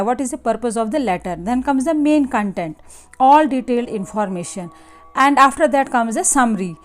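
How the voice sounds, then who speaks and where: Hindi-speaking woman teacher, slightly high voice. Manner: mixes Hindi and English, slow deliberate English phrases, frequent "theek hai" checks. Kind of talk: classroom lesson explaining slides.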